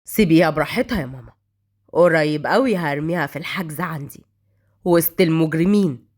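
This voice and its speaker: A woman voicing a stern male police officer with an Egyptian accent, speaking coldly and mockingly in a dropped, lower voice. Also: animated, quick pace. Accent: Egyptian Arabic. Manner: cold and taunting.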